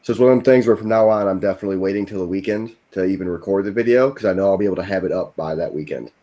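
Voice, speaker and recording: Man, 20s, podcast co-host, casual chat, low-pitched, laid-back, joking. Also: very fast, dark tone.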